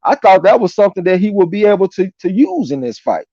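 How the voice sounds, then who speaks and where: Casual male boxing stream host: relaxed tone, slangy and profane, reads chat aloud, dull lo-fi sound. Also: high voice, fast talker, no room sound. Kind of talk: casual live chat commentary, reading viewer comments aloud. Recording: dull lo-fi audio.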